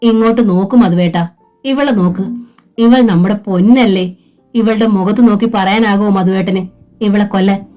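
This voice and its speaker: A woman voicing a gentle young pregnant wife who pleads with her husband. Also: medium pitch, steady tone, normal speed, highs cut off, soft background music, lightly acted. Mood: pleading.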